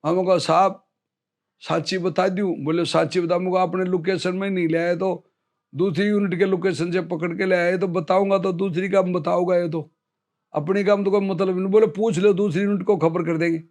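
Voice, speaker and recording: A middle-aged Indian army veteran telling a war story as an interview guest, acting out the quoted dialogue. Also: male voice, sits high, little pitch movement, normal speed, darkish tone. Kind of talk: storytelling in casual conversation.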